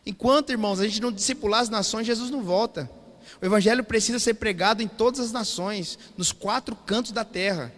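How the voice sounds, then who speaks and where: A man's voice: sits high, brisk, a bit bright, big-room sound. A Brazilian man preaching a sermon as pastor, calling out to the congregation and asking "Amém?" again and again. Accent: Brazilian Portuguese. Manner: call-and-response preaching, repeated "Amém?". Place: church hall.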